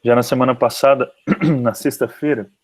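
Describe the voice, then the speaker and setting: A man with a Brazilian accent, a company head answering in an online interview, calm and matter-of-fact. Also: mid-range voice, moderate pace, rough recording. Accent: Brazilian Portuguese. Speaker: company CEO guest. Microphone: video call.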